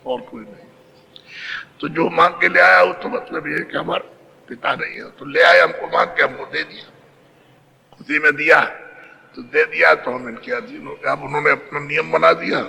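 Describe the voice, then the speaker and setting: A man's voice: a little high, creaky, bright, forceful tone, rough recording. A man giving a devotional sermon to a gathering of followers, teaching and instructing them directly. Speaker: spiritual teacher giving initiation. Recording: faint background noise.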